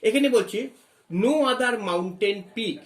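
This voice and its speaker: In an echoey room, a man from West Bengal whose voice sits high teaches English grammar one step at a time. He asks questions, spells words letter by letter, and reads English phrases slowly.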